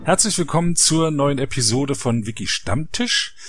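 A man hosting a casual podcast interview, talking in a relaxed, conversational way. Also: a little high, moderate pace, no echo, soft background music. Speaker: podcast host.

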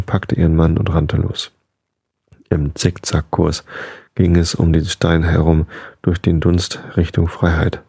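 A man reading a fantasy story aloud in a calm, measured storytelling manner. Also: deep voice, gravelly, slightly rough, no echo, clean studio sound. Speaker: narrator.

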